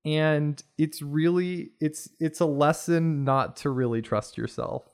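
A young man chatting casually on a podcast, telling stories in a rambling, animated way. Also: on the high side, measured pace, clean tone. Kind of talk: casual chat.

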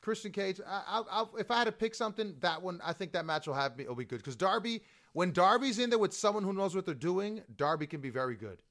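Offhand man with a higher voice. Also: lively intonation, fast, fairly bright tone. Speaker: podcast co-host. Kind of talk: casual wrestling podcast chat.

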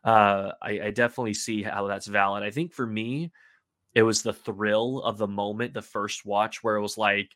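Eager, talkative man with a low voice. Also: little pitch movement, normal speed, a bit bright, no echo, clean studio sound. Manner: eager, talkative, with many restarts. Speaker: podcast guest, film reviewer. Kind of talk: casual podcast chat.

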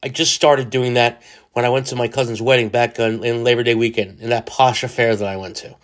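A man's voice: medium pitch, steady tone, a little fast. A man in his forties hosting a solo podcast, rambling and self-mocking as he jokes his way through his thoughts. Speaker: podcast host.

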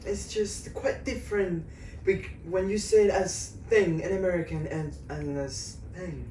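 A man's voice: high voice, steady tone, mellow. A young man co-hosting a casual podcast chat, laughing often and slipping into English. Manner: laughing, drawn-out, slips into English. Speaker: podcast co-host. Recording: roomy, distant mic with faint noise.

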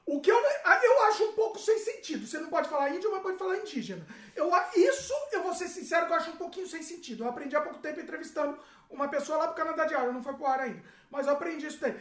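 Animated high-voiced Brazilian man. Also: racing, few pauses. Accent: Brazilian Portuguese. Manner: animated, emphatic, keeps addressing the audience. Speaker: host. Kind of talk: casual panel chat. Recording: roomy echo.

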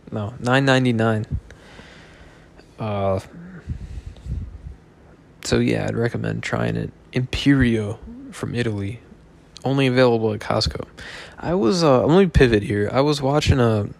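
A man's voice: lowish voice, gravelly. Tipsy man rambling and joking. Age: 30s. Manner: loose, joking, swearing, slightly slurred. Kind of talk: rambling casual monologue.

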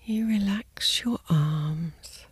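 A woman guiding a sleep meditation in a soft, soothing spa-like whisper, gently and in short, unhurried phrases. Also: mid-range voice, breathy edge, no echo. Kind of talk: guided sleep meditation narration.

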